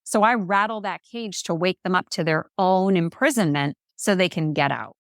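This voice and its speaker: A woman coach talking candidly in a casual podcast conversation, lively and quick to laugh, acting out quotes in different voices. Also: on the low side. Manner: animated storyteller, acts out quotes in varied voices. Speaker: guest, coach and speaker.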